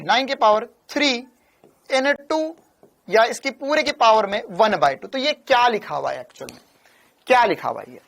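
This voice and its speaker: His voice is extremely high-pitched with a fairly bright tone as he coaches physics students online. The teacher repeats phrases, shoots questions at the class, and keeps asking viewers to confirm and send a thumbs up.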